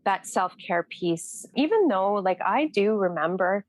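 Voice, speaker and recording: A woman's voice: mid-range voice, lively intonation, a little slow, dry recording. A woman from Canada speaks in earnest about her nursing work, often circling back over her phrases as she hunts for words. The sound is dry and close, with no room around her voice. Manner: earnest, repeats phrases while searching for words. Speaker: nurse guest. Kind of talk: podcast interview, personal reflection.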